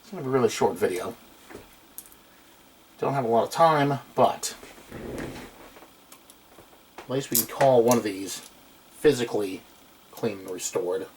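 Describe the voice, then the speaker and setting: Speaking at medium pitch and a little slowly, with long pauses, a middle-aged hobbyist demonstrates electronics restoration at his workbench in a loose, unscripted way. A camera mic close by records him in a small room, and the amateur camcorder sound is noisy.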